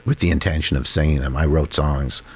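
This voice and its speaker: A man, a songwriter in a band, talking in a relaxed interview, thoughtful and rambling with many fillers. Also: rumbling low, a little fast, breathy edge. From Canada.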